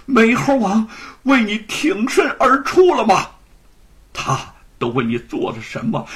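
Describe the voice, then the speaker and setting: A man's voice: high voice, a bit bright, husky, voice pushed up, exaggerated voice. A man voicing a grieving young wife who reproaches her husband in a raised voice. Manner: accusing, raised voice.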